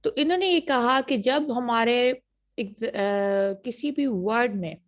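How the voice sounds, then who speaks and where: A woman with a Pakistani accent giving an online university lecture on phonetics. She checks in with her students often and says each sound she teaches slowly and with care. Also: fairly high pitch, muffled recording. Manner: models sounds slowly and deliberately. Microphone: computer mic for an online class.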